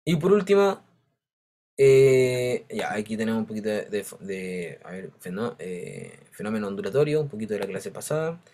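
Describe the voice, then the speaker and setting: A man's voice: lowish voice, big pitch swings, normal speed, warm tone. Man, teacher, patient step-by-step explaining, frequent check-ins. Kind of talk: online class lecture.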